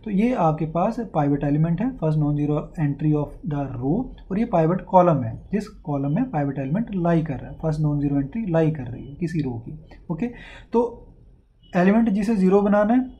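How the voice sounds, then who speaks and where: A man's voice: a little high, expressive, moderate pace, lo-fi sound. A man giving a patient, step-by-step math lecture, often checking in with his students as he works through a problem. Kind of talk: classroom lecture, Hindi mixed with English.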